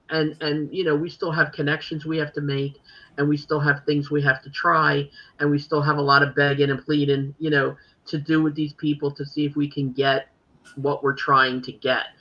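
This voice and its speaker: Speaking with a Philadelphia accent, a female podcast host wanders through a relaxed conversation packed with fillers. Her voice is low and a bit bright, and the recording sounds muffled.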